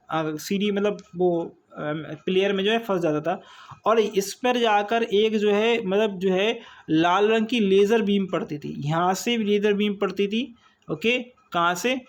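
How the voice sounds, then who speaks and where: Reading out quiz questions in an informal online exam-prep session, a high-voiced teacher with an Indian accent explains each one. He's repetitive, constantly checking in with his audience using questions and tag phrases.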